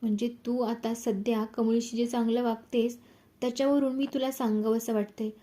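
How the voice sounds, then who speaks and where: A frank, kind young man who speaks sincerely about whom he loves, as a woman narrator puts him on. The delivery is mellow and fairly flat. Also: fairly high pitch, fairly quick, natural voice. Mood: earnest. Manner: earnest, explaining.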